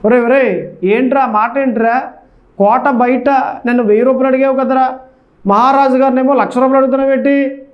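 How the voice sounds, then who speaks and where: A man's voice: very high voice, steady tone, brisk, pauses often. A man playing a brusque royal minister who scolds a beggar, in a dull lo-fi recording. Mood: scolding.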